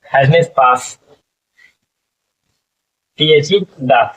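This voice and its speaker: A man's voice: medium pitch, steady tone, extremely slow, a bit bright. A man teaching English phonics in a spoken lesson, spelling words letter by letter, repeating them and asking what each becomes. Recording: distant, dull lo-fi classroom recording.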